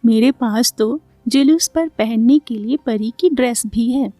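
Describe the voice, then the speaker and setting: A woman's voice: a little high, unhurried, no room sound. A woman playing an eager young daughter-in-law. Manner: excited, dreamy.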